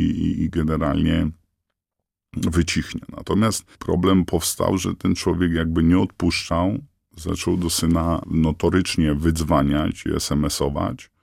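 Disguised deep gravelly man, halting. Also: a little mellow, no room sound, clean studio sound. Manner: halting, many fillers and restarts. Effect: voice disguised, pitched down. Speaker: anonymous father interviewed on radio. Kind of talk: hesitant interview answers.

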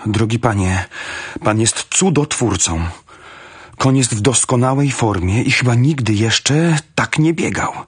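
A man voicing an excitable older army colonel who owns racehorses, speaking in loud, agitated exclamations that rise high, with a husky voice. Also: measured pace. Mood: grateful.

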